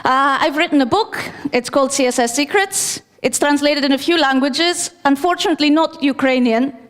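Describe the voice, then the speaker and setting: High-voiced woman speaking in a large hall. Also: normal speed. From Greece. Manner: chatty, self-deprecating, with fillers. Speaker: conference speaker. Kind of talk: technical conference talk. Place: conference hall stage. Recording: long reverb of a large hall.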